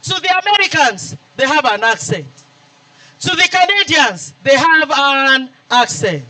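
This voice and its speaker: Bright high-pitched Nigerian man lecturing. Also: low-quality recording. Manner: emphatic oratory with repeated phrases. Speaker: guest lecturer. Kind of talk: formal public lecture.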